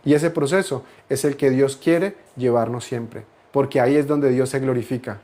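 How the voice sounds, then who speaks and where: A man's voice: mid-range voice, normal speed, dark tone. A male pastor preaching a sermon, building emphasis with repeated phrases and rising peaks.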